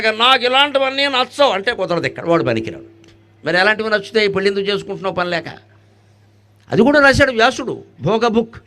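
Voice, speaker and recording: A high-voiced man delivers a devotional spiritual discourse, joking with listeners, firing off rhetorical questions and chanting Sanskrit verses. He swings between loud, animated bursts and soft, low asides.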